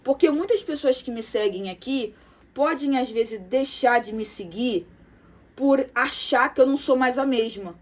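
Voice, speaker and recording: Woman, fairly high voice, confessional vlog, soft and halting, talks straight to viewers. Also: animated. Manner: soft, halting, frequent fillers and repeated words; addresses viewers directly with frequent "tá?" tags. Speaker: vlogger.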